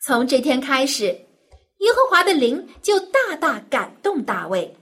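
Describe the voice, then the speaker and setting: High-pitched woman reading a story to small children. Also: big pitch swings, unhurried. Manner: gentle, simple storytelling as if reading to a toddler. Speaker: children's Bible story host.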